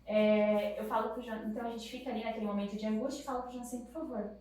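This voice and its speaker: Brazilian mother, emotional testimony, slightly high voice; echoey, distant recording. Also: flat delivery, very fast, darkish tone, faint music behind. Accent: Brazilian Portuguese. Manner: tearful, pleading retelling. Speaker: guest, mother. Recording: echoey room, mic at a distance.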